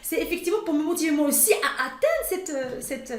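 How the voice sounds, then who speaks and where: Recorded in an echoey room, this casual interview features a woman who teaches the Quran and is a native Arabic speaker, speaking hesitantly with many fillers and restarts. She has a high voice, lively intonation, and a slightly fast delivery.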